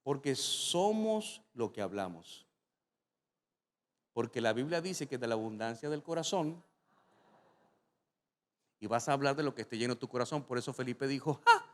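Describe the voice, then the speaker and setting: A male pastor preaching a sermon, telling stories with animation and rising to sudden loud climaxes. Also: medium pitch, expressive, normal speed, long pauses.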